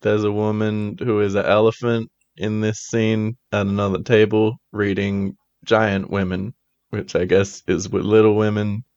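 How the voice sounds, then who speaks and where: A man co-hosts a podcast, talking casually with wry, jokey asides. His voice sits on the low side. The recording is dry and slightly muffled. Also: flat delivery, measured pace, darkish tone, no echo. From Australia. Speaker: podcast co-host. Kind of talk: casual chat recapping a TV show.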